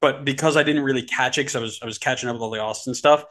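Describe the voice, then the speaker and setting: A man co-hosting a casual soccer podcast, telling stories in an animated way, his pitch climbing as he gets excited. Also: rapid-fire. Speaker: podcast co-host.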